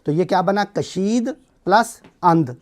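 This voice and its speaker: A middle-aged man with a Pakistani accent teaching a class, explaining step by step and checking that his students follow. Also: sits high. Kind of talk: classroom lecture.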